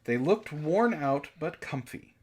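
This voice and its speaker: A man with a husky, somewhat high voice and lively intonation reads slowly from a fan fiction story at his comic book club. He interrupts himself with mocking commentary full of disbelief and exasperation.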